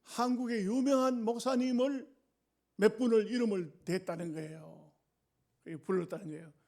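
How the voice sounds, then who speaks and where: A male pastor preaching a sermon, telling a story dramatically and often letting his voice sink low and quiet. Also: moderate pace, gravelly.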